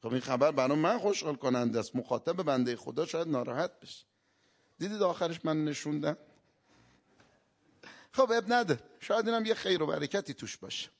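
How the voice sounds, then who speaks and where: A man giving a humorous religious lecture on stage before a live audience. He tells jokes and stories and acts out the people he quotes. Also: on the high side. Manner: joking storyteller who acts out quoted people.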